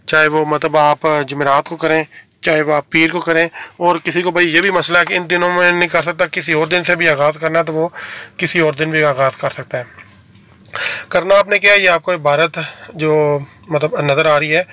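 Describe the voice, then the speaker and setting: A man with a fairly high, bright voice walks his listeners through a devotional practice, step by step. He speaks in an even, level tone, repeats points for clarity, calls his audience brother, and slows right down to recite prayers. The sound is close and dry. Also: no echo. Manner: recites Arabic slowly and carefully. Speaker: spiritual remedies teacher. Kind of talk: casual instructional talk.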